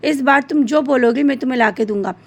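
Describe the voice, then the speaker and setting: Grumpy storybook dad, stern and scolding, woman doing it, high gravelly voice. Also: fast talker.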